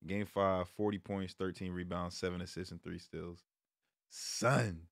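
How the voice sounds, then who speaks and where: This American man in his thirties, a streamer who hosts a sports vlog, talks casually and slangily to camera from a small room at home. His low, gravelly voice barely moves in pitch and runs a little slow. Captured on a close stand mic with a headset on, the sound is dry and studio-clean.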